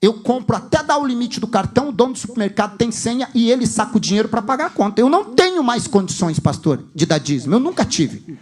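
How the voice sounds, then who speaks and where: Poor old woman, retired grandmother, pleading and indignant, high voice, told by a male preacher. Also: big pitch swings, fast talker. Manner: complaining, defensive pleading.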